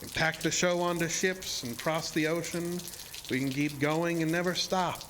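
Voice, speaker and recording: A man plays a sinister, seductive illusionist showman, a deceptively ageless villain, in a horror audio drama, speaking in a theatrical, formal, insinuating way with a persuasive mood. His natural voice is fairly high-pitched and fairly bright, steady in tone at normal speed, with slight background noise.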